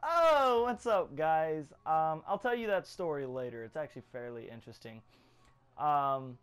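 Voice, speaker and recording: A man's voice: on the high side, normal speed, clear, resonant tone. Rambling, jokey young man gaming host. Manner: rambling, jokey, lots of ums and uhs. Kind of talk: casual gaming commentary.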